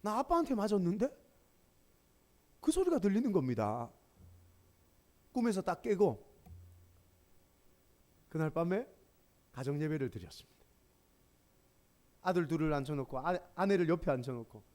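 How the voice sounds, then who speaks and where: A middle-aged male pastor preaching a sermon, telling personal stories with animated delivery that drops to soft, emotional tones. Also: on the high side, normal speed, pauses often.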